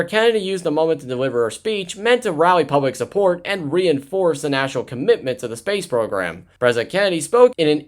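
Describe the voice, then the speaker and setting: A man narrating a history documentary casually, with chatty asides and frequent self-corrections. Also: medium pitch. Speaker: history video host.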